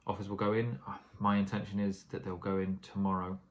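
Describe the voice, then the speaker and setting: A tired Englishman with a low-pitched voice talks briskly and in a level tone, giving a casual vlog update about his property investing. He rambles, using lots of fillers and correcting himself.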